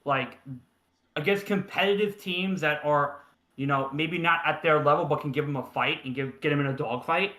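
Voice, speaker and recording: A man co-hosting a casual sports talk show, restarting his sentences and leaning on fillers as he makes his points. His voice sits slightly high and carries a roomy echo. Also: normal speed, sharp tone. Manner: stammering restarts, lots of "like" and "right?". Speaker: sports podcast co-host.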